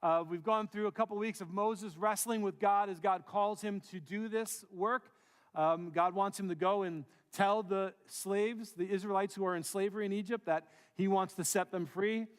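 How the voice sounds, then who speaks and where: A man preaching a sermon as pastor, telling a scripture story with lively acted-out dialogue. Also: high voice, moderate pace, clear, resonant tone, long reverb tail. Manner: animated storytelling, acting out voices and quoting scripture. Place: church sanctuary.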